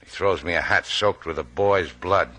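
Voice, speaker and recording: A hard-bitten boat captain. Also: male voice, sits low, moderate pace, pushed and bright. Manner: hard-bitten, clipped and dry. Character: tough, blunt boat captain and adventurer. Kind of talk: 1950s radio drama acting.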